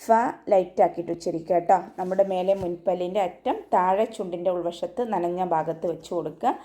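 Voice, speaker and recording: A woman teaching Quran recitation in an online tajweed lesson, giving steady step-by-step instruction and often ending with a gentle check-in. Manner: breaks into slow, high, sustained chanting for verse examples.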